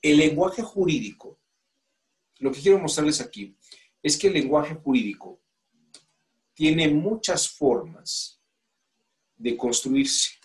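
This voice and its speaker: A man's voice: a little high, lively intonation, slow, pauses often. A man with a Mexican accent teaching a law class, asking the students questions and coaxing volunteers to read aloud. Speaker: law course instructor. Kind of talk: classroom lecture.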